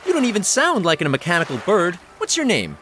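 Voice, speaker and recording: A man's voice: high-pitched, wildly swooping pitch, brisk, music in the background. A man voicing a cocky, sardonic young male wizard in a video game, grumbling and flippant. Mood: sarcastic.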